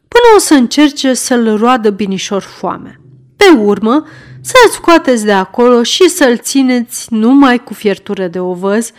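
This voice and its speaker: A woman's voice: on the high side, close to an everyday voice. A woman voicing a pompous, self-important male parish beadle who lectures and blusters.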